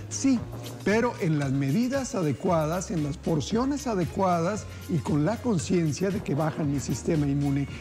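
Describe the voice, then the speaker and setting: A man's voice: fairly high pitch, warm tone. A man in his forties hosting a TV cooking show from a studio kitchen, chatting upbeat and folksy to viewers as family. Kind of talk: TV cooking segment, addressing viewers. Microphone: lapel mic.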